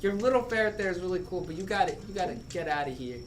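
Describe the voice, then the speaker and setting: A man's voice: high voice, expressive, rapid-fire. A man voicing a very small, nervous male troll child who leads his troop, stammering and hesitant, over faint background noise.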